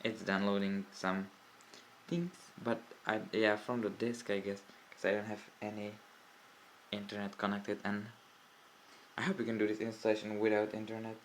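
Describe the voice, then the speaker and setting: Speaking at a normal speed with little pitch movement, this young Czech man has a voice on the low side and a Czech accent from his first language. He's a tech hobbyist casually narrating a computer install, rambling, self-correcting, and muttering asides to the camera from an indoor desk by a window. The old smartphone camera mic produces a lo-fi recording with faint room noise.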